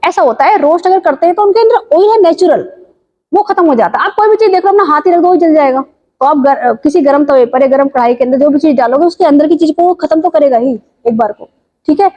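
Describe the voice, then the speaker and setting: A woman teaching yoga and diet in an informal talk, asking listeners lively rhetorical questions. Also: sits high, fast talker. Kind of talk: informal health talk to viewers. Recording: dull lo-fi sound.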